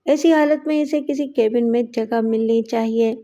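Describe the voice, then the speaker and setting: A worried aunt pleading for help, as a woman narrator voices her in a storybook reading. Fairly high pitch, mellow tone. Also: close to an everyday voice. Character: worried older woman, aunt of pregnant niece.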